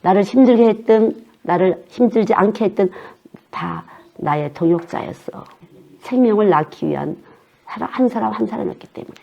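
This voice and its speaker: A middle-aged woman preaches with a dark, mellow tone and real urgency. Her voice falls now and then to near-whispered asides, and she voices prayers as if praying aloud. The recording sounds slightly dull and lo-fi. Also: medium pitch, normal speed, creaky. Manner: earnest, emphatic preaching with sudden soft drops and whispered asides; acts out prayers in first person. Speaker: children's missionary preacher. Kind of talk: sermon.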